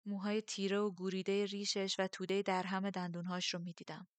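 A woman narrating a first-person novel as an audiobook, measured and steady. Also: mid-range voice, dry recording.

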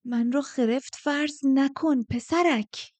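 Woman voicing a sharp-tongued old mentor in an audiobook, whip-cracking and mocking, up close and dry. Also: medium pitch, expressive, gravelly, breathy edge, no room sound. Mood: scolding.

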